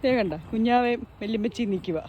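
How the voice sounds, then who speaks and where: A woman's voice: fairly high pitch, brisk, dull audio, a little hiss or hum. A woman filming her pet dog, chatting casually to it and to viewers in a sing-song baby-talk way.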